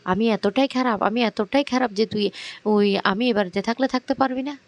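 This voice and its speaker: A man's voice: very high voice, fast talker, no room sound, pitched above the performer's own voice. A man voicing a hurt, protective middle-aged uncle who speaks indignantly.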